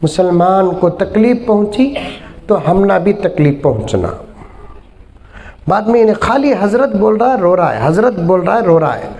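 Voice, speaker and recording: A male preacher tells a funny story in a sermon. His voice sits high for a man, and he chuckles his way through the anecdote, acting out the people in it. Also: expressive, normal speed, darkish tone. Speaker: Islamic preacher.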